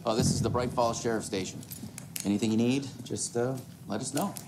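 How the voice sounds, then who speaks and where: An actor playing an easygoing small-town sheriff in a video game, laid-back, dry and folksy. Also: male voice, medium pitch, brisk, natural voice. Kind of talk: naturalistic video game acting. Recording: noisy ambient background.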